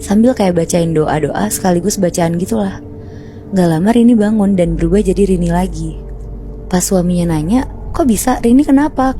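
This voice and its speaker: A woman's voice: fairly low pitch, mellow, slight background noise. A woman casually telling a horror story to friends on a podcast, chatty and slangy, calling her listeners by nicknames.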